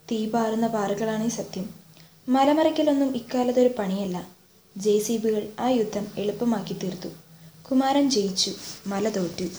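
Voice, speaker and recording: Brief: measured woman story reader, warm dark tone, roomy echo. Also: fairly high pitch, slight background noise. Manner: measured, re-reads slips aloud. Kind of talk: literary story reading. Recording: echoey room.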